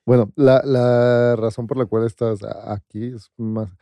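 A man's voice: mid-range voice, little pitch movement, measured pace, dark tone, no echo. A Mexican man hosting a podcast, asking loose, hesitant questions. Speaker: podcast host. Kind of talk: casual podcast interview.

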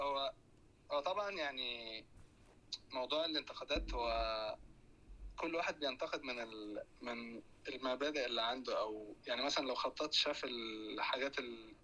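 A man's voice: medium pitch, fast, pauses often, pushed and bright, rough recording. A man with an Egyptian accent hosting a casual audio chat, explaining his views easily and asking questions over a phone mic. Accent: Egyptian Arabic. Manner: easygoing, explaining, asks questions. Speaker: host.

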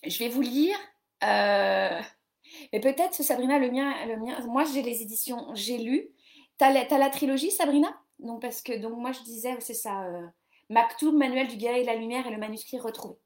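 A woman's voice: on the high side, moderate pace, a little mellow. A woman in her forties hosting a live reading session, rambling and self-mocking, with many fillers and restarts. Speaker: podcast host doing a live reading session. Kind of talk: casual live-stream chat about reading.

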